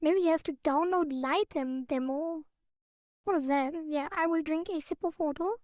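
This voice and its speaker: A woman's voice: high-pitched, moderate pace, darkish tone, dry recording, clean studio sound. A woman streaming her game development, thinking aloud in half-sentences as she works. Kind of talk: casual livestream while coding.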